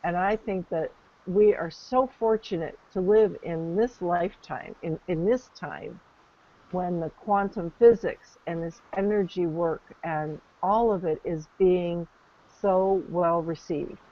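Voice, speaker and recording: A woman calmly guiding a session, gentle and affirming, talking soothingly about calm and connection. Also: lowish voice, slow pace. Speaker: session facilitator. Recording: dull lo-fi recording.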